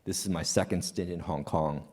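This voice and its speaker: A man's voice: low voice, fairly even intonation, moderate pace, darkish tone, slightly rough, in a large hall. A man from Taiwan speaking as a conference panelist in an earnest, conversational way with frequent restarts. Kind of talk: panel discussion.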